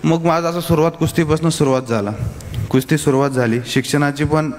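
A guest speaker at a youth summit tells young people his own story plainly and hesitantly, with lots of fillers. His fairly high voice is quick and fairly even in intonation, captured in an echoey hall with a faint hiss.

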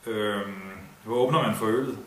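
Casting: a man as an unsure young guy, low voice, echoing and far from the mic. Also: fairly bright tone, slight background noise, close to an everyday voice. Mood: hesitant. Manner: hesitant, unsure. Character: shy, hesitant young man. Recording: roomy, distant mic, faint ambience.

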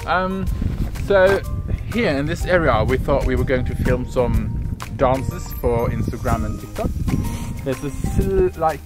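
A man's voice: mid-range voice, animated, unhurried, music in the background. A young man from Norway with a Norwegian accent, chatting playfully in a casual vlog, in a cabin and out in the snowy mountains. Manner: playful, laughs often, chatty. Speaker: vlogger. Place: wooden cabin indoors, then snowy mountains outdoors.

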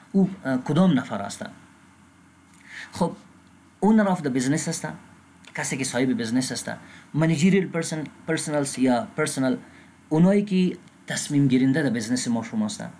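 A man with an Afghan Dari accent gives a recorded accounting lecture, reading English terms slowly and pausing with filler sounds. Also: on the high side, a little mellow, slight background noise. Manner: frequent filler sounds and restarts. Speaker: accounting instructor.

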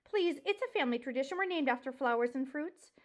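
A woman's voice: high voice, expressive, fast talker. A woman voicing a timid, polite young female deer mouse in a storybook, earnest and pleading, with a faint, faltering manner. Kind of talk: storybook character reading.

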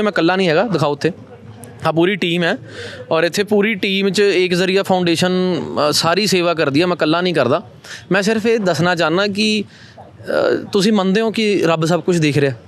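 Fast-talking earnest Punjabi man. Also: on the high side. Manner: fast, earnest, repeats comforting phrases. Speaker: NGO founder and host. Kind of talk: appeal to viewers and on-camera talk with patients.

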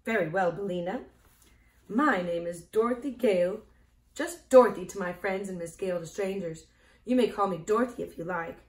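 A woman's voice: mid-range voice, normal speed, natural voice. A woman voicing an earnest, curious young farm girl in a storybook reading, with a raised, wide-eyed tone, in a roomy, echoey recording. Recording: roomy echo.

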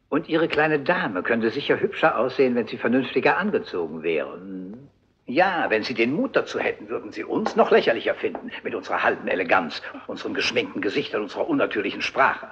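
A man's voice: mid-range voice, big pitch swings, fairly quick, fairly bright tone, a little hiss or hum. An actor playing a haughty, scornful theatre director who mocks his guests, in a German film dub. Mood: mocking. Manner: sneering, theatrical, mocking. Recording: dull lo-fi film soundtrack.

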